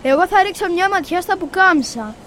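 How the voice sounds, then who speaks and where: A woman's voice: very high voice, animated, a bit bright, slight background noise. A woman playing a friendly teenage boy who chats politely while shopping for clothes.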